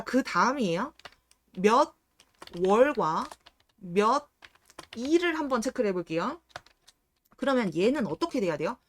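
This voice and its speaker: A woman explaining Korean pronunciation rules in a lesson. She poses questions to her viewers and answers them herself, and she repeats words slowly to show how they sound. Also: mid-range voice. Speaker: reading and debate instructor.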